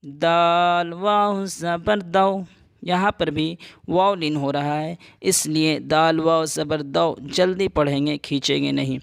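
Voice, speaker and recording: High gravelly man teaching Quran reading. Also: fairly even intonation, no echo, studio quality. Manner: drawn-out syllable-by-syllable recitation between quicker explanations. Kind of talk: spoken lesson, spelling out letters slowly.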